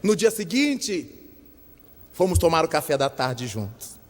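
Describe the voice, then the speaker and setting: Older guy lecturing, high voice, acts out all the voices, big hall echo. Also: measured pace. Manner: animated, acts out dialogue with shifting voices. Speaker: spiritist lecturer. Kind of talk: storytelling lecture. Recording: long hall reverb.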